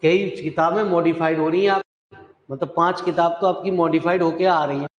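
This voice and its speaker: Male maths lecturer, slightly high voice, chatty, echoey lo-fi classroom. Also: steady tone, brisk. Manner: chatty, calls students "dear children", mixes English terms. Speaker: math teacher. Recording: echoey, dull classroom recording.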